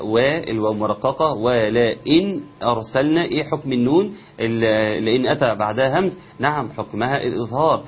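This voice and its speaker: A man with an Egyptian Arabic accent teaching tajweed. He explains the rules quickly in a conversational way and slows down to chant the verses. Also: mid-range voice, muffled recording, slight background noise. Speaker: Quran recitation teacher. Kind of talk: tajweed lesson with chanted recitation.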